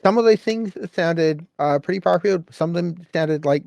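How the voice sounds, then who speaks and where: Man, moderator, skeptical, halting speech, dry close sound. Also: on the high side, vocal fry, darkish tone, no room sound. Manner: hesitant, many fillers, skeptical. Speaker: debate moderator. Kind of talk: voice chat debate.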